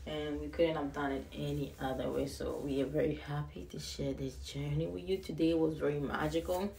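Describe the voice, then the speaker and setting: A young adult woman casually narrating a tour of an empty house, excited and rambling, repeating words, filmed on a handheld phone indoors. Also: deep voice, creaky, slight background noise. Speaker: vlogger giving a house tour. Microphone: handheld phone camera, filming.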